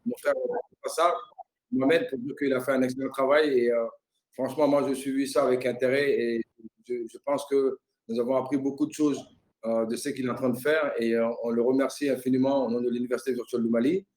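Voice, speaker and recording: A middle-aged man representing a university, giving impromptu thanks on a webinar call in halting, repetitive phrases. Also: medium pitch, fairly even intonation, darkish tone, rough recording. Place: online video call.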